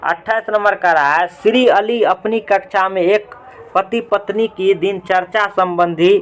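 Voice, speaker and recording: A man's voice: sits high, measured pace, a little hiss or hum. A man teaching in who reads out exam questions one by one, gives the correct option, then asks and answers his own questions to repeat it. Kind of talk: reading out and explaining exam answers.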